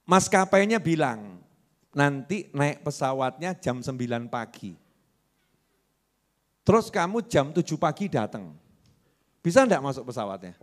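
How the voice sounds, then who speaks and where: A man preaches, his voice sitting a little high and swinging widely in pitch. He asks the crowd questions, answers them himself, and slips into quick voices for characters in his stories. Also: sing-song. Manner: acts out characters in anecdotes with shifting voices. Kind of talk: religious lecture to a live audience.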